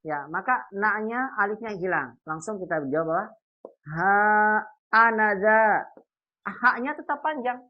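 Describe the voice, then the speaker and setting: A man's voice: sits high, expressive. A man teaching an online Arabic grammar class, patiently repeating example phrases and quizzing his students. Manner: patient, repeats example phrases slowly and asks quiz questions. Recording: dull lo-fi online call audio.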